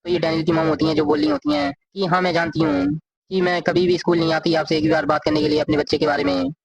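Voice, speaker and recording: A man retells a comic story at a fast clip, stringing events together in long run-on sentences. His voice sits a little high for a man. He reads the characters' lines aloud without stopping for breath. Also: big pitch swings, low-quality recording. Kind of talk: casual story recap narration.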